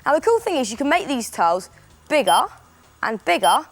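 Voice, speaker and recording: A woman with a high, sing-song voice presents a children's craft show at a brisk pace. Bright and upbeat, she walks through each step and encourages her audience along the way.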